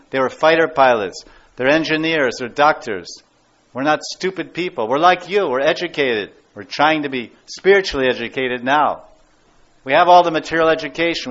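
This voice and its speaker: A man's voice: fairly high pitch, fairly bright tone. Emphatic preaching man, lo-fi sound. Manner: emphatic, repeats key words and phrases. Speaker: spiritual teacher. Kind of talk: devotional class lecture. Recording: dull lo-fi recording.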